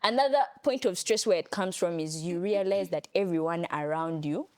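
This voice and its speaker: A young woman, co-hosting a casual chat and telling a story in an animated, playful way. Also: lowish voice, normal speed. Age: young adult. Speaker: podcast co-host.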